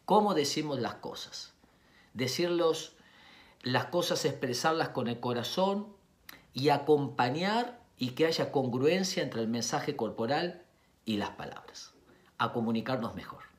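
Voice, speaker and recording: A woman's voice: a bass voice, measured pace. A woman with a Rioplatense Spanish accent, a communication speaker giving a motivational talk and acting out little dialogues as she explains. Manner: animated, acts out quoted dialogue.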